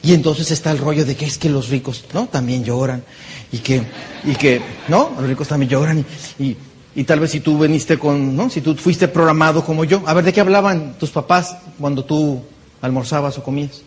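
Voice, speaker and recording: A man giving a motivational business talk from a conference stage, animated and full of rhetorical questions. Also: fairly high pitch, normal speed. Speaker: conference speaker.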